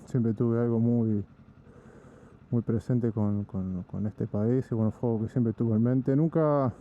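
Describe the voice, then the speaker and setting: A man from Argentina with an Argentine Spanish accent, narrating a casual vlog while driving, in a relaxed, rambling way with frequent restarts. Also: medium pitch, measured pace, phone-quality sound, slight background noise. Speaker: vlogger. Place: in a vehicle on the road.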